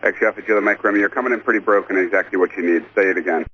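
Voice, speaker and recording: Rapid-fire and steady, this man's lowish voice comes through muffled air traffic radio with a bit of noise. Working as a controller, he repeats callsigns and gives procedural instructions.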